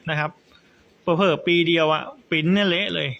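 A man's voice: a little high, steady tone, moderate pace, vocal fry, fairly bright tone, highs cut off. A man explaining amplifier assembly in a casual, chatty tutorial, often restarting sentences and adding polite particles.

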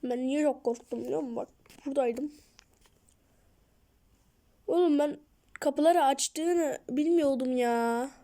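A woman's voice: sits high, slow, long pauses, mellow. A woman hosting her gaming channel, jumpy and self-mocking, talking to herself through a horror game at home. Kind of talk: horror game let's play commentary.

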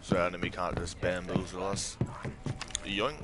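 A man's voice: lowish voice, moderate pace. An Australian man giving casual, profane commentary as he plays a shooter, joking with his teammates. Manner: swears often, joking banter with teammates. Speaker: gaming streamer. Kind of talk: casual live gameplay commentary. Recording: game gunfire noise under voice. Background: game gunfire and effects.

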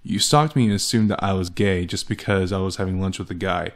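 A host and voice actor with a low, brisk voice performs a comic dramatic reading of text messages, his delivery sardonic and exasperated. Background music plays underneath.

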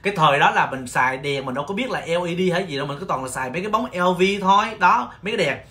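A man from Vietnam who owns a nail salon, telling stories on his livestream in an animated, exclaiming way with mock-scolding rants. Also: a little high, racing. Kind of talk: casual storytelling livestream.

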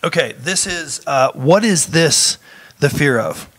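Co-hosting a talk show, a man playfully reads out trivia questions and repeats them with laughs as part of a casual chat. His voice is fairly high and fairly bright, with lively intonation and a slow pace, in a dry recording.

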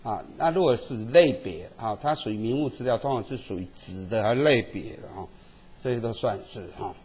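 A male statistics teacher with a husky voice lectures to a classroom. His pitch rises and falls in a lively way, and he keeps ending sentences with quick checks that the students are following.

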